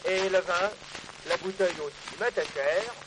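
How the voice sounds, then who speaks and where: A man's voice: high-pitched, normal speed, background noise. A man giving a theatrical, declaimed poetry recitation as narrator, on an old phonograph record.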